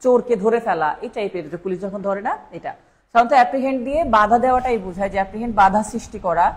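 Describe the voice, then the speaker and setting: A woman's voice: medium pitch, very fast, a little mellow. A woman teaching a live online English spelling lesson for exam preparation. She repeats each word several times and spells it out letter by letter.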